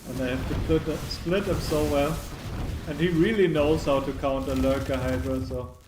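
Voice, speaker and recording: A man casts a competitive strategy match in a relaxed, hedging way, often restarting his sentences. His voice sits at an ordinary middle pitch. It carries a roomy echo, with a faint hiss underneath from a home setup. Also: normal speed. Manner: hedging, filler-heavy analysis with frequent "like" and restarts. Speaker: commentator. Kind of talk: casual live esports commentary. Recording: echoey room, faint background noise.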